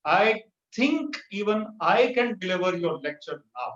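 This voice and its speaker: A man voicing a humble male chauffeur who speaks calmly and boldly in a told anecdote. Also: high voice, measured pace, heavily acted. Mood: eager. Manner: calm, confident. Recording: roomy, dull video-call audio.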